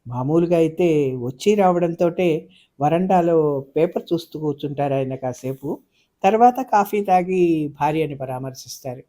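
A man narrating a novel aloud in a measured, expressive storytelling manner. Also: on the high side.

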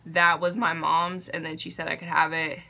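A young woman vlogging casually, halting and unsure of herself, with a self-deprecating way of talking. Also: low-pitched, little pitch movement, creaky, sharp tone. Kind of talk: casual makeup vlog chat. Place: attic bedroom, indoors. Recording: faint background noise, room ambience.

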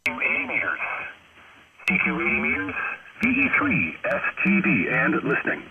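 A man's voice: fairly high pitch, huge pitch swings, normal speed. A man, an amateur radio operator, calling out over fading shortwave radio reception and spelling his call sign phonetically. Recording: muffled shortwave radio with heavy static.

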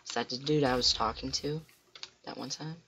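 A teenage boy with a cracking voice, rambling excitedly to himself as he plays a computer game. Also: mid-range voice, moderate pace, slight background noise, poor audio. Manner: excitable, rambling, talks to himself while playing. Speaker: gamer. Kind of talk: casual game commentary. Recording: loud keyboard clicks and typing.

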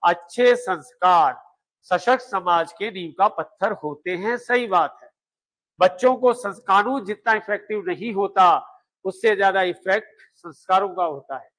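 A man's voice: high-pitched, a little slow, a bit bright. A middle-aged man teaching a coaching class, emphatic and repetitive, firing rhetorical questions at students. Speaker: law exam coaching teacher. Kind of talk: classroom lecture.

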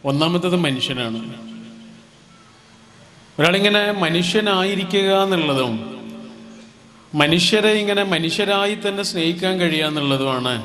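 A man with a slightly high voice gives a motivational speech at a community gathering. He speaks gently and thoughtfully, setting out short phrases one after another with pauses in between. The tone is calm and conversational rather than a loud address.

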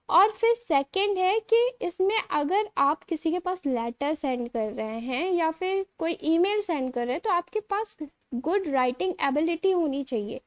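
A woman teaching a computer lesson, explaining points plainly and reading out definitions slowly. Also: high-pitched, darkish tone, no echo. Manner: explains in Hindi, then reads English definitions slowly. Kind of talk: classroom tutorial lecture.

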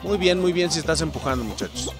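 Mexican guy streaming a game, high lively voice swinging all over, swears and yelps, game music behind. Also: quick pace. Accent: Mexican Spanish. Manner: loud, profane, yelps and laughs often. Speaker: gaming YouTuber. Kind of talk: excited gameplay commentary.

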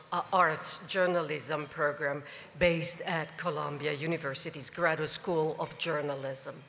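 A woman with a hoarse, laryngitis-strained voice, giving a prepared introduction of a keynote speaker at a dinner. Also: lowish voice, fairly bright tone. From Italy. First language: Italian. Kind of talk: formal introduction speech. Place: large hall at a dinner. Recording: hall reverb, faint noise.

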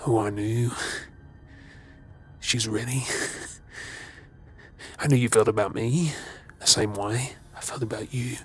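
A man playing a creepy, obsessive captor in an ASMR role-play, menacingly tender, with hesitant pauses and mocking softness. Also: medium pitch, steady tone, faint music behind, lightly acted. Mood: possessive, yearning.

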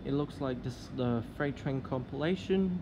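A man, filming on an outdoor station platform and calling out locomotive numbers as freight trains pass. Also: moderate pace. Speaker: train vlogger. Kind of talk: casual commentary while trainspotting. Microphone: phone camera held on the platform. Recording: loud passing train noise. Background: loud rumble of passing freight trains.

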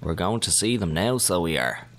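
A man giving casual let's-play commentary as he plays, swearing heavily and breaking into excitable outbursts. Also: low voice, moderate pace. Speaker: gaming commentator.

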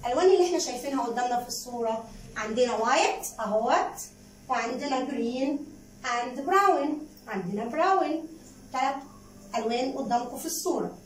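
Egyptian woman teacher, high voice, brisk classroom explaining; echoey room, mic set back. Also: animated, recorded from a distance, slight background noise. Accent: Egyptian Arabic. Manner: brisk explaining, addresses pupils as kids. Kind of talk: recorded online school lesson.

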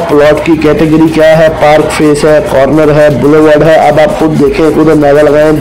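A man with a Pakistani Urdu accent, a property consultant narrating a site tour in a persuasive, repetitive sales manner. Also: poor audio. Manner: persuasive sales pitch, repeats phrases.

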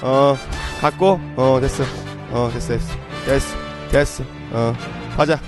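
A young man streaming a football game, commentating live with hyped shouting as he opens card packs. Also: medium pitch, a little slow, music in the background.

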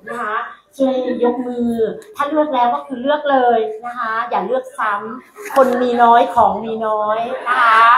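A high-pitched woman works a live crowd as a playful stage emcee, teasing and calling out. Her voice rings through an echoey hall with an audience murmuring behind her. It is a lively, loud room sound. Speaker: coach hosting a live stage event. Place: large event hall with an audience.

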